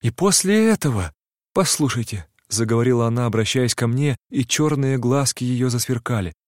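A man's voice: medium pitch, expressive, a little fast, a little mellow, no echo, studio quality. Fervent male audiobook narrator. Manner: emotional, fervent first-person delivery. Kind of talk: dramatic literary reading.

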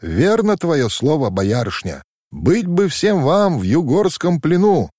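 A man voicing an earnest, proud orphaned young prince who speaks gently but firmly in a storybook reading. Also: on the high side, sing-song, slow pace, dry recording, clean studio sound, pitched above the performer's own voice, full character voice. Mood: ringing. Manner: earnest, gentle yet firm.

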